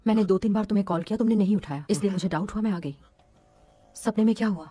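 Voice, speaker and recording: An actress dubbing a direct, determined young woman exorcist who talks in a brisk, practical way. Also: mid-range voice, dark tone, breathy edge, natural voice. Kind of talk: Hindi film dubbing.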